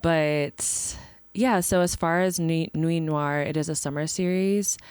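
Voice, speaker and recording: A woman guest talking in a relaxed, reflective way with many fillers, in a casual conversation. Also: low-pitched, a little slow, clear, resonant tone, no echo. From born in the United States, raised partly in Ethiopia. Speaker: guest, film series organizer.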